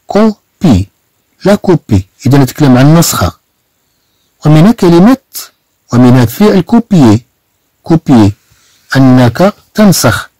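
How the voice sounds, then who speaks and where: A Moroccan man teaching French pronunciation in Moroccan Arabic, slowly repeating and stretching example words. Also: on the high side, dark tone, no room sound, low-quality recording. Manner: slow, drawn-out repetition of example words.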